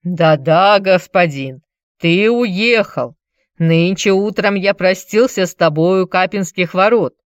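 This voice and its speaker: A woman's voice: on the low side, no room sound, clean studio sound, lightly acted. A woman voicing a cringing old male Greek trickster who whines, fawns and begs for mercy. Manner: whining, pleading, fawning.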